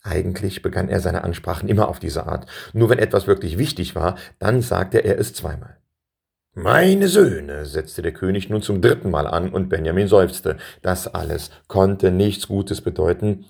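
A man reading a children's story aloud in a lively way and speaking directly to his listeners. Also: deep voice, moderate pace, creaky, hardly any pauses, breathy edge.

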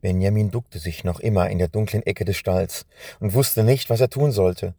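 A man narrating a scripted children's story in a calm, measured telling. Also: lowish voice, no echo.

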